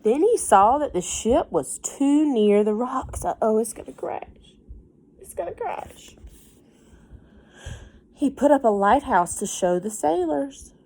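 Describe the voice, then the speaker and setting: This is a children's read-aloud: a woman teacher moves slowly through a storybook, her intonation bouncing in lively swings. Casual asides keep interrupting the reading as she simplifies ideas and quizzes the listening children.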